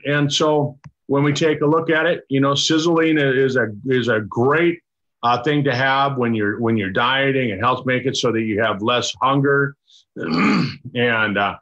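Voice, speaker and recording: An older man, a doctor, explaining a product in casual chat over a video call, halting with many restarts and fillers. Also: medium pitch, fairly bright tone. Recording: dull lo-fi video call audio.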